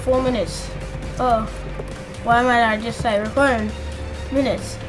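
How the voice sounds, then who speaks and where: A woman giving casual, excitable gameplay commentary as a YouTuber at home, chatting and squealing when things get thrilling. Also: a little high, measured pace. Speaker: gaming YouTuber. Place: home room with the door shut. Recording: clear game music underneath. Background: game music.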